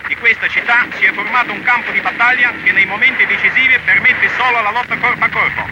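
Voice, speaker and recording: A man's voice: sits high, steady tone, quick pace, muffled recording, very noisy. A man with a strong German accent reading a 1940s newsreel voice-over in a declamatory, propagandistic way, heard from an old newsreel soundtrack. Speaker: newsreel narrator.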